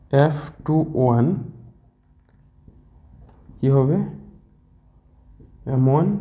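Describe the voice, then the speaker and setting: A man's voice: medium pitch, dark tone, reverberant, muffled recording. A man teaching physics with a Bengali accent, explaining step by step and asking questions that he answers himself. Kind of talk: classroom-style lecture at a board.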